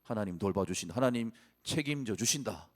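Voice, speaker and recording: A regretful, fatherly old pastor near death, as a preacher retells his words. He speaks earnestly, with a lively pitch that dips and climbs. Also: a little fast.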